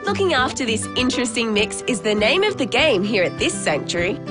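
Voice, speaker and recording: A woman's voice: fairly high pitch, very animated, fairly quick. A woman presenting a TV segment at a wildlife rescue farm, bubbly and enthusiastic as she asks questions. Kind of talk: upbeat presenting and interviewing. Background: background music.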